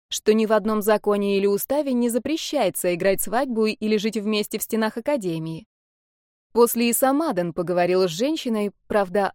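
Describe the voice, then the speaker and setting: A woman's voice: medium pitch, no room sound, studio quality. Woman reading a fantasy audiobook. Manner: lively, acting out dialogue. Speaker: audiobook narrator. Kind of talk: audiobook narration in first person.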